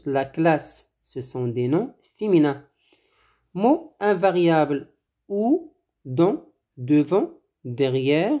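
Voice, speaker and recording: Language teacher for a recorded lesson: unhurried, measured, warm and low in tone, repeats each item. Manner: slow, deliberate, repeats words for learners. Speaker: French teacher. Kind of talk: slow drill-style French lesson.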